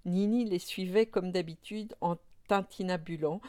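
A woman reading a children's story aloud in a gentle, expressive way. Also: on the low side, moderate pace, dry recording, clean studio sound. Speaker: storybook reader.

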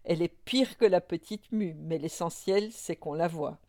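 A woman voicing a calm, easygoing storybook character in a level, matter-of-fact way. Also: fairly low pitch, normal speed, lightly acted. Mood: amazed.

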